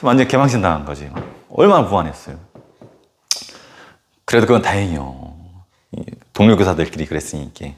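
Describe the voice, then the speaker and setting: A man who teaches middle-school history, telling a casual anecdote in a lecture with animated storytelling and lots of filler words. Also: deep voice, brisk, pauses often. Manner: animated storytelling full of filler words and sudden acted outbursts.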